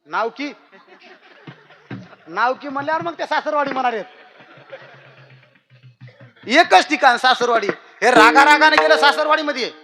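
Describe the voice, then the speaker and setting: A man's voice: extremely high pitch, moderate pace, long pauses, bright, forceful tone, faint music behind. A man preaching a humorous devotional kirtan sermon, telling rustic jokes and chanting verses.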